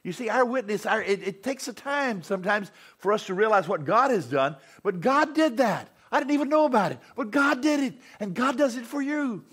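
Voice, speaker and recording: Casting: older male pastor, lively storytelling sermon, slightly husky voice. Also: very high-pitched, a little fast, few pauses. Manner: animated storytelling, acting out other voices.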